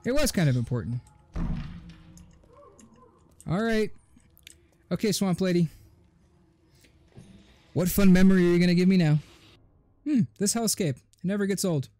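A man's voice: high-pitched, moderate pace, long pauses, mellow, no echo. Sarcastic young man doing gameplay commentary. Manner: joking, sarcastic running commentary. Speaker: gaming host. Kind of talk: let's play commentary. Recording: faint game music behind.

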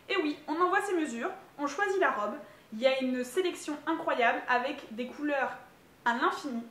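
High-voiced woman giving wedding tips. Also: fairly bright tone, echoey room. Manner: upbeat, direct to camera. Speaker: wedding planner. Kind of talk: wedding advice tutorial.

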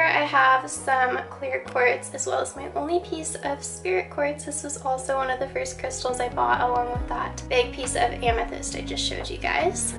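A woman's voice: high-pitched, creaky. A young woman giving a chatty, upbeat tour of her home in a casual vlog, filmed on a handheld camera. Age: young adult. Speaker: vlogger. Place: rooms of a home, later a parked car.

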